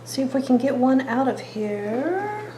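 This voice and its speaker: Lady doing a cooking vlog, slow and chatty, bit high voice, echoey kitchen. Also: sing-song, warm tone, a little hiss or hum. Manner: chatty, homey, talks to viewers. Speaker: cooking vlogger. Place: home kitchen.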